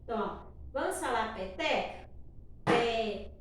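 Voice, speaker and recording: Slow, patient Brazilian woman teacher. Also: on the high side. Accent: Brazilian Portuguese. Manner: patient, ends phrases with tag questions. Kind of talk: explaining a classroom activity. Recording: echoey room, distant mic, faint noise.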